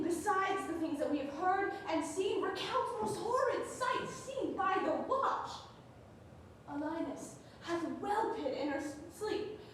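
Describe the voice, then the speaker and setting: A young woman playing Caesar's fearful wife on stage, speaking urgently and pleadingly, recorded from a distance in a very echoey theatre. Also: very high-pitched. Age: young adult. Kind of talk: stage Shakespeare acting. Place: indoor arena theatre stage. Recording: distant mic, very echoey theatre, faint noise.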